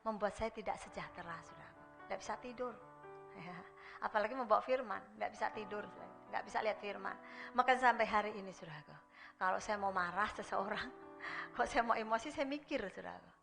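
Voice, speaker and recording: A woman preaching a sermon, speaking straight to the congregation and swinging between emphatic and hushed delivery. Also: medium pitch, fairly quick, gravelly, music in the background. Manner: constantly addresses the congregation directly.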